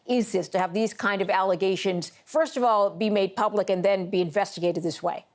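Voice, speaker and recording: A woman anchoring a news program, reading scripted lines clearly and interviewing a guest. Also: mid-range voice, fairly even intonation, fairly quick.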